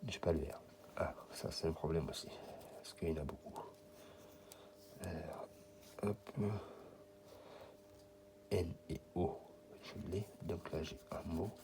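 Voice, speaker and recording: A man's voice: low-pitched, takes it slowly, pauses often, noisy background. A French man giving casual running commentary, muttering and half-whispering letters as he checks a card. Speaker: scratch-card vlogger.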